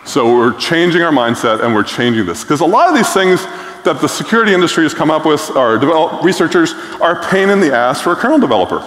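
This middle-aged keynote speaker talks fast with a fairly high, somewhat bright voice and very animated delivery. Blunt, enthusiastic and full of filler words, he addresses a conference from the stage, his voice echoing around the hall.

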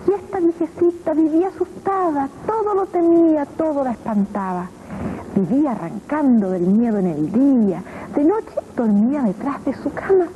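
A woman narrating a rhyming children's story in an expressive, sing-song way. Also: high-pitched, normal speed, a little hiss or hum. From Chile. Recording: lo-fi old TV tape audio.

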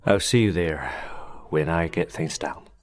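An actor playing a reserved young company boss who speaks in a calm, clipped, commanding way. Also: male voice, a bass voice, measured pace. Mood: cool. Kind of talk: dubbed short drama acting.

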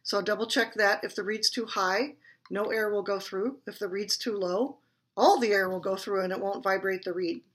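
Bright-voiced woman teaching clarinet basics. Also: mid-range voice, fairly even intonation, moderate pace, husky. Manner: friendly, chatty, laughs at herself. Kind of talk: instructional demonstration.

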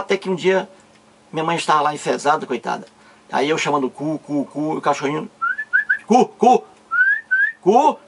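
A man with a Cearense accent telling a long comic story from his childhood, drawing it out and rising to a tearful high pitch at the punchline. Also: a bit bright, breathy edge. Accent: Cearense Portuguese. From Ceará, Brazil. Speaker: comedian. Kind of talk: storytelling stand-up joke.

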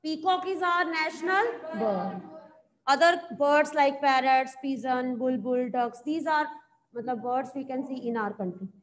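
A woman's voice: high-pitched, normal speed. A middle-aged woman with a North Indian accent teaching a class in an instructive way, often putting questions to her pupils. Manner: instructive, with frequent questions and check-ins to pupils. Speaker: school social science teacher. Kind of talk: classroom lesson, mixing English and Hindi. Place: indoor classroom at a blackboard.

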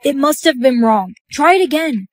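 A young woman with a fairly high voice, recorded close and dry, acts out earnest parts in a short social video skit. Her delivery is melodramatic. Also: lively intonation, moderate pace, no echo.

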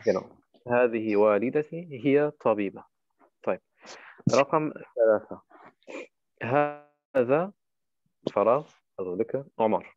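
A man's voice: medium pitch, normal speed, long pauses. Patient male Arabic tutor, dull audio. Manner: patient, walks the student through each option. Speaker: Arabic teacher. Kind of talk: one-to-one online language lesson.

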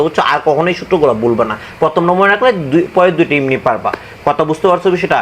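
A young man, speaking a bit high for a man as he talks through a math lesson. He keeps repeating himself, tossing out questions and answering them at a slow, careful pace. Faint noise hums under the recording. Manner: slow and deliberate, drawn-out formulas. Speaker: math tutor. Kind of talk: casual classroom explanation.

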